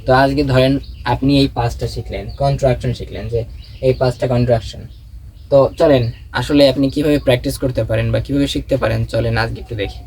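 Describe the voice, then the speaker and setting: A man's voice: mid-range voice, fairly even intonation, fast, darkish tone, poor audio. A man teaching English pronunciation in a casual video lesson, repeating short phrases many times for viewers to copy.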